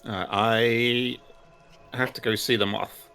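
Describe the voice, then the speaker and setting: A man's voice: medium pitch, steady tone, takes it slowly, bright, forceful tone, smooth. A man talking casually as a player in a tabletop game, with music behind him.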